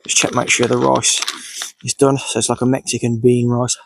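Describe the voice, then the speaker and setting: A man's voice: mid-range voice, level tone, moderate pace, vocal fry, a bit bright, no echo, rough recording. A man sniffly with a cold, casually narrating his outdoor cooking as he goes, unscripted. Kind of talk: casual, unscripted narration while doing tasks. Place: outdoors in countryside.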